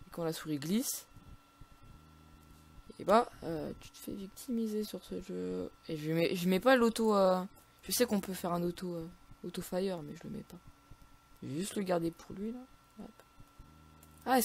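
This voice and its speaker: A woman's voice: lowish voice, gravelly, darkish tone, slightly rough. A woman with a French accent casually commentating her own video game play, full of frustrated outbursts and stumbling restarts.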